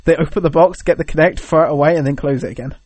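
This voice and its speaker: A man's voice: a little high, rapid-fire, a little mellow, dry recording. A young British man co-hosting a podcast, chatting casually in a rambling, hesitant, joking way. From Britain. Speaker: podcast co-host. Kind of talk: casual chat.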